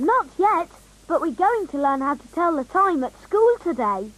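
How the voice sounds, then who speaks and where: A woman's voice: very high-pitched, big pitch swings, normal speed, low-quality recording. A woman voicing a cheerful, proud young elf boy in a children's cartoon, earnest and childlike. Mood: cheerful, eager.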